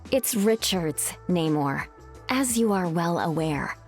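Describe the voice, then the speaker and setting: Invisible Woman, composed low-voiced superhero. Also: animated, slow pace. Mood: wry, teasing. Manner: composed, wry, teasing. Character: confident, caring, witty superhero mother. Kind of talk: video game voice acting. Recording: music behind.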